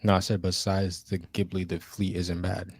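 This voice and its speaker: A man's voice: low voice, little pitch movement, normal speed, husky, no room sound. A young man co-hosting a podcast, chatting casually about cars in short, easygoing replies. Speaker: podcast co-host. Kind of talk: casual car chat.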